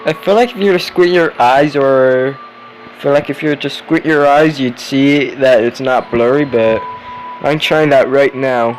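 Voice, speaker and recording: A tired young man reads a spooky story aloud in a middle-pitched voice. He breaks off for chatty asides and the odd curse. A faint hum sits behind him. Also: moderate pace, poor audio. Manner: tired and yawning, chatty asides, swearing now and then. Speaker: story reader.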